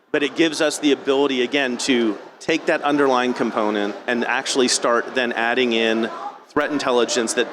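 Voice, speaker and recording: A man's voice: mid-range voice, background noise. A man giving an informal technical presentation at a conference, conversational and often rephrasing himself mid-sentence. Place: live talk at a conference venue.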